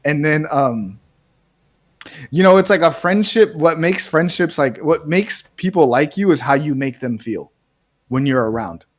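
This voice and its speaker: A laid-back American man hosting a casual chat. His voice sits a little high for a man, and the talk rambles and loops, with "bro" and "like" in almost every sentence. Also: lively intonation, unhurried. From United States. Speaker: podcast host and music producer.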